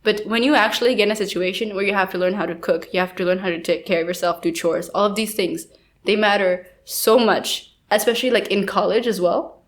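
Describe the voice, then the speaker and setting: A young woman from India co-hosting a casual podcast. Her voice sits in a middle range. She talks in a chatty, relaxed way and often says "like.". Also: medium pitch, fairly quick. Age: young adult. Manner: chatty, lots of "like" and "I feel like". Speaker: podcast co-host.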